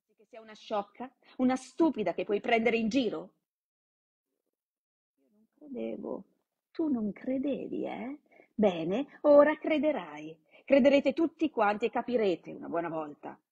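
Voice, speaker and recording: A woman voicing a shrill, harsh middle-aged woman who runs an orphanage, in a storybook reading. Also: expressive, measured pace, vocal fry, warm tone, slightly rough, dull audio, exaggerated voice. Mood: scolding.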